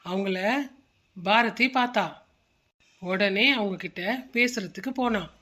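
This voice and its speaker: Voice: mid-range voice, takes it slowly, pushed and bright. ஒரு கதை சொல்லி கார்ட்டூன் கதையை நிதானமாக விவரிக்கிறார். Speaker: narrator. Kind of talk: storytelling narration.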